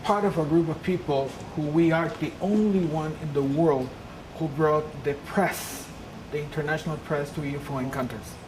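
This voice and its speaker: This guest lecturer is a woman from Peru who speaks English as a second language, earnestly presenting a slide-based public lecture. She uses a low-pitched voice at normal speed with few pauses, over the hum of a noisy room.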